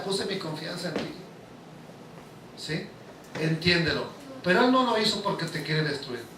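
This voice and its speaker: A man preaching in a very high, bright voice that rings with emphasis. He keeps firing questions at his congregation. The sound is echoey and distant, as if caught from across a church hall. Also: a little hiss or hum. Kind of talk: sermon to a congregation. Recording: echoey room, mic far off.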